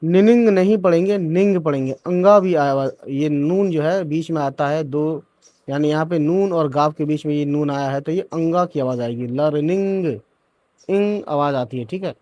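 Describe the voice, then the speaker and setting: A man teaching beginners to read Urdu spells every word out by syllable before joining the sounds, regularly adding short check-ins like "theek hai" and "hai na." His voice is on the high side and a little mellow, moving at a moderate pace; the recording is dull with no room sound.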